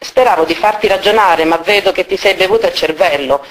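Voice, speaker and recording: A woman's voice: on the low side, a little fast, close to an everyday voice, rough recording. A woman reading aloud and voicing a furious, domineering woman who hurls insults at her former partner. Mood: scornful, angry. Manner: scornful, insulting outbursts.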